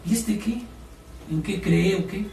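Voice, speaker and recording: A man's voice: sits high, unhurried, vocal fry, warm tone, a little hiss or hum. A man preaching a sermon as pastor, asking his congregation questions and mimicking complainers in a whiny voice. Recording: echoey room, distant mic, faint ambience.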